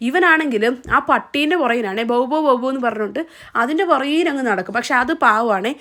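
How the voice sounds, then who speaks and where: A woman's voice: high-pitched, animated, fairly quick, a bit bright. A young woman, narrating a family vlog in a chatty, casual way. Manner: chatty, often adds a tag question. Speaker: vlogger.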